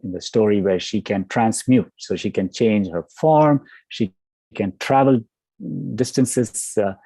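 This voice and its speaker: Guy giving a devotional talk on a webinar, warm mellow voice, dry close sound, chatty storytelling. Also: mid-range voice, no room sound, low-quality recording. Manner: conversational, with fillers and restarts. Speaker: devotional speaker. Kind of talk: sermon with storytelling. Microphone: video call.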